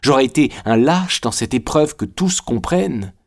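A man's voice: mid-range voice, lively intonation, normal speed, pitched above the performer's own voice, close to an everyday voice. A man reading a proud bitter young prisoner.

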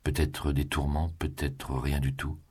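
A young prisoner, lovesick and passionate, speaks quietly to the woman he loves, as a male narrator reads him. His voice sinks low and hushed, very deep and breathy. The delivery follows an audiobook of a classic novel. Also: level tone, measured pace, exaggerated voice. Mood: longing.

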